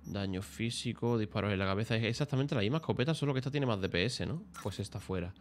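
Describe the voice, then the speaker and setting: A man talks through a game on stream, chatty and swearing freely. His voice sits a little low, with faint noise behind it. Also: animated, fast. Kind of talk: casual gameplay commentary.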